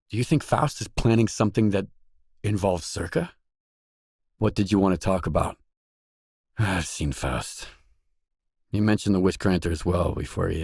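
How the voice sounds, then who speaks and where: A weary, guarded video game mercenary speaks in a low, darkish, exaggerated male voice, his lines short, blunt, and businesslike, gruff and matter-of-fact. The recording is close and dry with no echo or room sound. His mood moves from guarded and questioning to grim.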